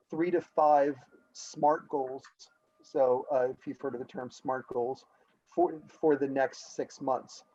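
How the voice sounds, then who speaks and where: A school administrator explaining an evaluation process in a meeting, conversational, with examples and frequent restarts. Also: male voice, on the high side, a little mellow, muffled recording.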